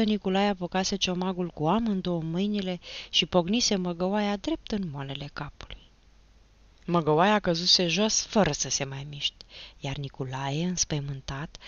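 A woman with a lowish, bright voice narrates an audiobook with expressive storytelling. The recording is close and dry, with a slightly dull tone. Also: no room sound.

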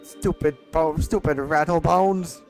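A man's voice: fairly high pitch, fairly even intonation, a little slow, darkish tone. A man giving casual commentary while playing a video game. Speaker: gamer narrating play. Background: game music.

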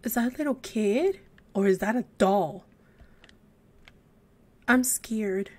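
A woman's voice: medium pitch, slow pace. A young woman giving casual gameplay commentary, talking to the game characters in a jumpy, giggly way. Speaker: let's play gamer.

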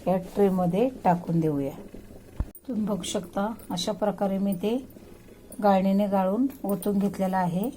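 Cooking host, woman, mid-range voice, calm step-by-step demo, home kitchen with audible clatter. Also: medium pitch, noisy background. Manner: calm step-by-step instructions to viewers.

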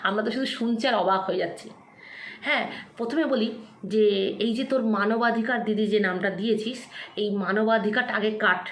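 A woman with a fairly high voice rants straight to the camera, scolding and taunting, and hammers the same points again and again. Her voice rings in an echoey room. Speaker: vlogger. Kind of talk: angry direct-to-camera rant.

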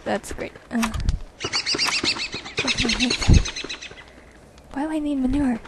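A woman's voice: high voice, takes it slowly, heavy background noise. A woman giving casual gameplay commentary at home, talking to herself with bemused exclamations. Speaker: let's play gamer. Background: loud game music.

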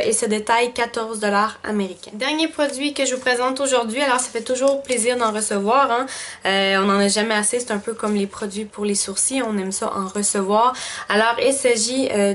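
A woman's voice: fairly high pitch, a bit bright. A woman with a Quebec French accent chatting casually through a beauty box unboxing, thinking aloud with lots of fillers. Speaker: beauty vlogger.

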